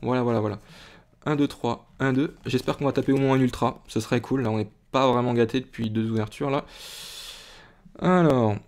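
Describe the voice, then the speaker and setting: The speaker, a young man from France, opens a box of trading cards and chats to viewers in a rambling way, with many fillers and false starts. His medium-pitched voice is steady, a bit fast and somewhat dark.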